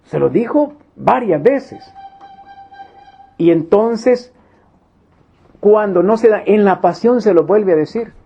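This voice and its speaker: Emphatic high-voiced preacher man. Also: expressive, slow, vocal fry, pauses often, slightly rough. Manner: emphatic, repeats key phrases, acts out little quoted scenes. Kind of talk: Bible study teaching. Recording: dull lo-fi recording.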